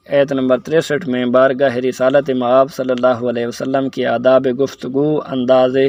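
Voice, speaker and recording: Man reading religious commentary in a flat, steady voice. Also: medium pitch, dry recording, muffled recording. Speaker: Islamic presenter. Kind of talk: reading a Quran commentary summary.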